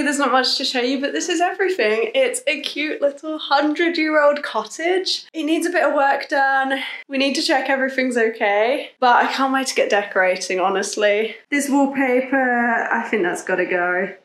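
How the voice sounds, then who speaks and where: A woman's voice: high voice, normal speed, a bit bright. Chatty young woman vlogging in echoey rooms. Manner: chatty and upbeat, talking to camera. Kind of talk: casual vlog narration. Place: empty small house, indoors. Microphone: handheld camera at arm's length.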